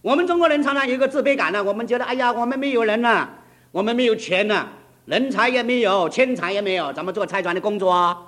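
A man's voice: high voice, fast, fairly bright tone. A middle-aged male pastor preaching a sermon, telling a story with emphatic, urgent build-ups.

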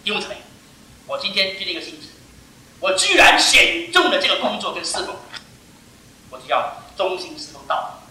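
An older man preaching a sermon to his church, emphatic and animated, pressing each point home with "I tell you.". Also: high-pitched, normal speed, pauses often. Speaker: pastor. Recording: echoey hall, mic far off.

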